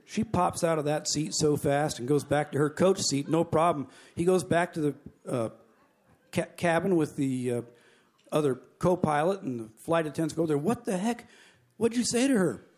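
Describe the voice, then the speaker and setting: Middle-aged man, after-dinner speaker, folksy joke-teller, somewhat high voice. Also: moderate pace, a little mellow. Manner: folksy joke-telling with chuckles. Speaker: convention speaker. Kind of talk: after-dinner jokes and speech. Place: banquet hall.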